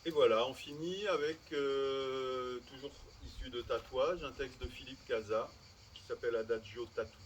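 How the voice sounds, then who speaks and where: A man reading short stories aloud at a public literary event, with a measured storytelling delivery. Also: medium pitch, fairly even intonation, slight background noise. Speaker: reader. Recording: distant mic, faint outdoor ambience.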